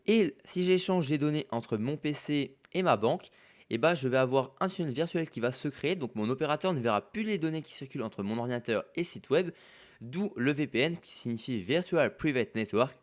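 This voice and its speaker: A man narrates a screen-recording tutorial one step at a time. His delivery is relaxed and conversational, with the odd filler as he goes. His pitch sits in an ordinary middle range. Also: fairly quick. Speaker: tech YouTuber.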